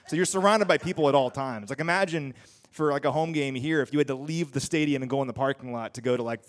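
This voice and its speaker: A young man co-hosting a casual sports radio chat, upbeat and quick to laugh while recapping. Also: mid-range voice. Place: studio with live audience.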